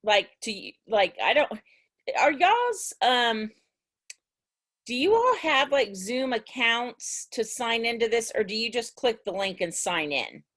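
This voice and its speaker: A woman's voice: fairly high pitch, big pitch swings, takes it slowly, a bit bright. A woman teacher talking to her class over a video call in a casual, rambling way, with many restarts. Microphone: video call mic.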